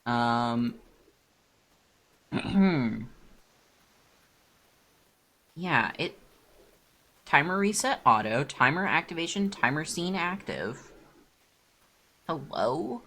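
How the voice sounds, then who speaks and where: Bright voice, very lively pitch, distracted rambling chat, swears casually. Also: drawn-out words, long pauses. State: eating while talking. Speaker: streamer.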